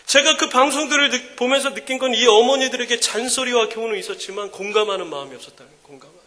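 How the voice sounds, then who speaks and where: A man in his thirties giving a joking, animated sermon-style talk at a mothers' prayer meeting. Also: extremely high pitch, fast. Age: 30s. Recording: echoing hall reverb.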